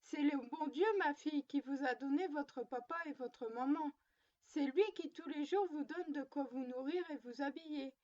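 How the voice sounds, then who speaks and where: A woman's voice: sits high, normal speed, a little mellow, muffled recording, close to an everyday voice. A woman reading a storybook, voicing a little girl who sternly plays mother to her doll, prim and lecturing. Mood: scolding.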